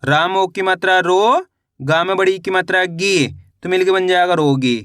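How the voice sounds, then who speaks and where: Bright, high-voiced man teaching reading. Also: clean tone, no echo, studio quality. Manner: slow and deliberate, sounding out syllables then repeating each word. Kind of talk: spelled-out reading lesson.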